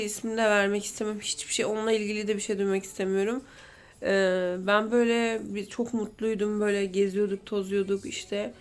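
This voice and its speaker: A woman in her thirties talking to camera in an emotional, rambling vlog, close to tears at times. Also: mid-range voice. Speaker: vlogger. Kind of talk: confessional vlog chat.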